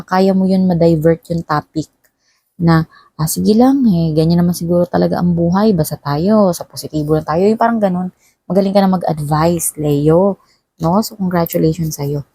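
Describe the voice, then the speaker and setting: A woman's voice: lowish voice, mellow, no echo. A woman from the Philippines giving a tarot reading straight to the viewer, chatty and full of tag questions. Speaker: tarot reader.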